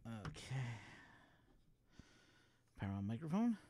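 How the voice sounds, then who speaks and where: Through a wireless USB mic with a little hiss or hum, a man hosts a casual stream, chatting and rambling to viewers while working on his gear. His medium-pitched voice is warm and sing-song, and he speaks slowly.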